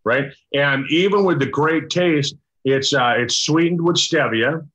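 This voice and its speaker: An older man, a doctor, explaining a product in casual chat over a video call, halting with many restarts and fillers. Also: fairly high pitch, fairly bright tone. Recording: dull lo-fi video call audio.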